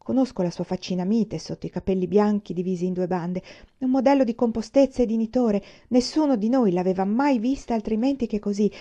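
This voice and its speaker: A woman reading a novel aloud at a steady, measured pace. Her voice is mellow and warm, and the recording is dull and muffled. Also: mid-range voice. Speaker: audiobook reader.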